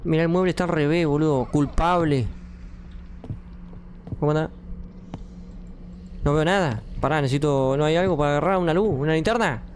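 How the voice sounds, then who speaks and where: A man's voice: on the high side, brisk, pauses often, a little hiss or hum. A young man with an Argentine accent giving jumpy, swearing commentary while playing a horror game and talking to his viewers. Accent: Argentine Spanish. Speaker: gaming streamer.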